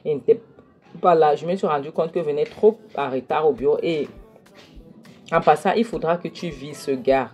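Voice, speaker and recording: A woman voicing a cocky, washed-up man who rambles and defies his former friend, in a low voice. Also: moderate pace, darkish tone, breathy edge, soft background music. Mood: defiant, rambling. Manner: rambling, defiant. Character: cocky washed-up man lounging where he shouldn't.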